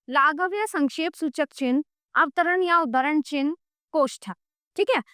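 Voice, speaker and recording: A woman's voice: high voice, a bit bright, no echo, clean studio sound. A woman teaching a grammar lesson to children, patient and explanatory, often checking in with "okay".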